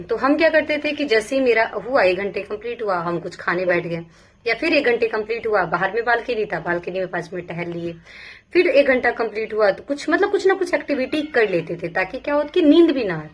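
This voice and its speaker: Speaking rather high and brisk, with an animated delivery, a young police sub-inspector from Bihar offers exam aspirants earnest, informal study tips. She keeps repeating what she's said and frames things in the first-person plural.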